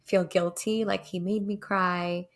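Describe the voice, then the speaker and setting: A woman's voice: medium pitch, level tone, unhurried. A young woman co-hosting a podcast, talking candidly and reflectively, dotted with "like" and "right?" fillers. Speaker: podcast co-host.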